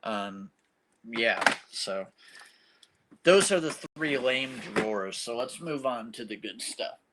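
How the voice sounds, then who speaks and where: A man's voice: mid-range voice, animated, slow, heavy background noise. A young man in his own game room, rambling with lots of ums as he shows his gear to a phone camera. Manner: rambling, many ums and uhs. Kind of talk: casual show-and-tell.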